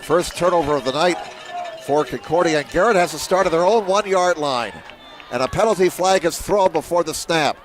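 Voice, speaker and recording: A man calling play-by-play for a high school football game, steady and measured that rises sharply on big plays. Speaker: play-by-play commentator.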